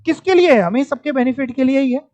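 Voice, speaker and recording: A man's voice: very high-pitched, lively intonation, fast talker, a little mellow, no echo. A male teacher giving a classroom lecture in a conversational way, mixing in English terms and teasing his students. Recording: dull, dry lecture audio.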